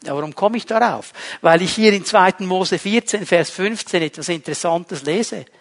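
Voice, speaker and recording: A man preaching a sermon, lively, asking the congregation rhetorical questions and moving between loud emphasis and hushed passages. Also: sits high, moderate pace.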